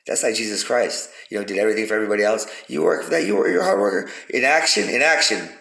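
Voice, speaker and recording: A man's voice: fairly low pitch, expressive, very fast, gravelly. A man giving a rambling, profane philosophical monologue, repeating himself for emphasis. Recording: roomy echo.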